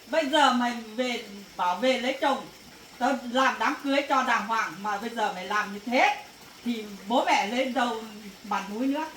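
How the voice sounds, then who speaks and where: A woman acting as an angry rural mother who scolds her daughter, in a family drama. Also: on the high side. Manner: scolding, shouting bursts. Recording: echoey, from far off, faint noise.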